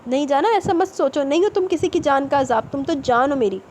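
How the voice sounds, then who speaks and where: A woman's voice: high voice, expressive, a little mellow, slight background noise. A woman voicing a possessive coaxing lover. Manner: coaxing, intense. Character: possessive young man, romantic lover.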